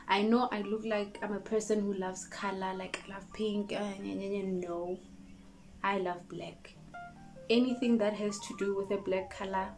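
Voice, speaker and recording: This vlogger, a twenty-something woman from South Africa, rambles casually in a get-to-know-me chat, holding her phone camera close in a small room with cupboards behind her. Her voice sits in the mid range and sounds a little mellow.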